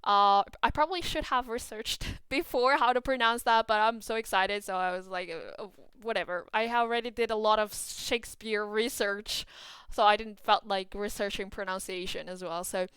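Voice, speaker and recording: A gaming YouTuber with a Portuguese accent chats about a game in a relaxed, excited way, with lots of fillers and small restarts. Her medium-pitched voice moves at a normal pace and sounds remarkably crisp and clean, dry and close-miked with no room echo at all.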